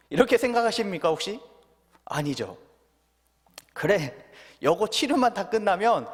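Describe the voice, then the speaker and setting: A young man preaching as a pastor at a prayer meeting, talking with the congregation through questions and playing out children's answers. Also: sits high. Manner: asks the congregation questions, acts out children's replies. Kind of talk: sermon at a Wednesday prayer meeting. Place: church sanctuary. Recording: reverberant church hall.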